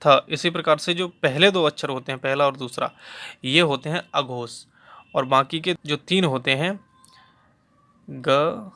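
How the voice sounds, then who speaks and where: A man's voice: a little high, moderate pace, pushed and bright. A man teaching a lecture on phonetics for exam preparation, patiently repeating key terms and sounding out letters to demonstrate them. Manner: patient, repeats key terms and demonstrates sounds aloud, frequent "theek hai" check-ins.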